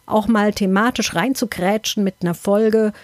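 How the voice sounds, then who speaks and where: A woman's voice: mid-range voice, steady tone, normal speed, darkish tone, no room sound. A woman hosting a solo podcast in a chatty, rambling way, often interrupting herself with wry asides. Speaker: podcast host.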